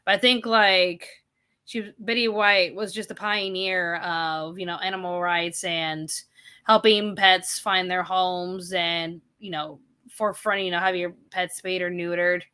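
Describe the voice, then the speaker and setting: Bright-voiced woman ranting on a stream. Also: fairly low pitch, a little slow, smooth. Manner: animated, ranting, bursts of exasperated emphasis. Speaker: host of a live chat and Q&A stream. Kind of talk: casual live-stream chat, reading viewer questions.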